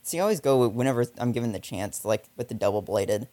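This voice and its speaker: A man's voice: mid-range voice, lively intonation, fast talker, mellow, dry recording. Jokey, swearing man riffing on a movie. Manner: jokey, swears a lot, acts out silly quoted voices. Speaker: co-host watching a film. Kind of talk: casual movie commentary chat.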